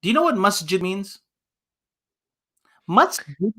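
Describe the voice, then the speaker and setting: An imam leads a children's story time, reading aloud and chatting animatedly while asking his listeners questions. His voice sits high and slightly rough, and he takes things slowly.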